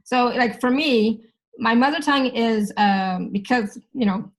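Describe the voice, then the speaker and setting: A woman's voice: fairly high pitch, a little slow. A woman from India who grew up in Canada, leading a workshop in a chatty, easygoing way with frequent "right?" asides. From India, raised in Canada. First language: Hindi. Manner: chatty, laughs often, says "right?" a lot. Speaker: facilitator leading clearings. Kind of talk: casual workshop talk in English.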